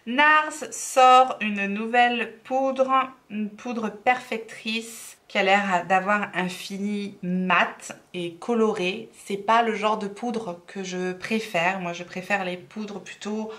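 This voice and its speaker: A woman's voice: mid-range voice, fairly even intonation, slow, hardly any pauses, fairly bright tone. A woman chatting casually as a beauty vlogger, with frequent fillers and reflective asides. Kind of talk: casual product review chat.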